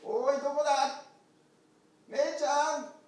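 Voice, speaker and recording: Man doing a shepherd shouting across an echoey hall. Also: extremely high pitch, unhurried, voice pushed up. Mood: calling anxiously. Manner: loud calling and shouting. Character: kind, worried shepherd man calling out loudly. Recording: echoey church hall from far off.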